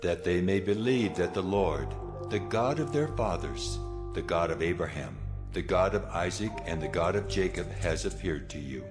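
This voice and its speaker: Almighty God, low solemn voice, authoritative swelling delivery, cavernous echo, audio drama. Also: male voice, lively intonation, moderate pace. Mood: commanding. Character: God, commanding, solemn, almighty male deity. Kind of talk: dramatized scripture audio acting. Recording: long reverb over loud music.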